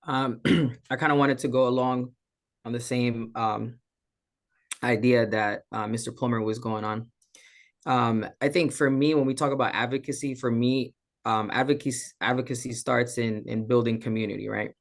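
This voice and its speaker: A man from Colombia on a video-call panel, his voice gravelly and held to a narrow, even pitch. He speaks in a reflective, measured way, with frequent "um" fillers and "right?" check-ins. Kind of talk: panel discussion remarks.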